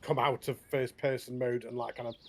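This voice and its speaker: A man's voice: medium pitch, flat delivery, brisk, a little hiss or hum. Easygoing man touring a game park. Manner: easygoing, rambling with fillers and tag questions. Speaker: co-host of a park tour. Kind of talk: casual gaming chat. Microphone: headset.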